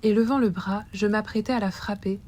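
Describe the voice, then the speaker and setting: A woman storyteller reading aloud from a classic tale, with a measured and expressive delivery. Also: mid-range voice.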